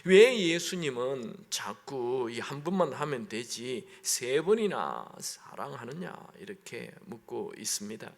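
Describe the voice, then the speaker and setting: A man's voice: medium pitch, sing-song, slow pace, gravelly, few pauses. A man, a pastor, preaching a sermon in a church sanctuary, talking in a conversational way and asking the congregation questions. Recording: long echo of a large hall.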